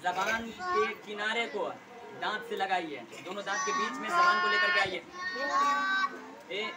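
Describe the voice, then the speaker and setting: Male teacher drilling letters in a noisy classroom. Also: sits high. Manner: patient, corrective, repeats each letter for the class. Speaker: Quran reading teacher. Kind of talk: call-and-response alphabet drill. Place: classroom full of children. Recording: distant mic, loud classroom chatter and noise.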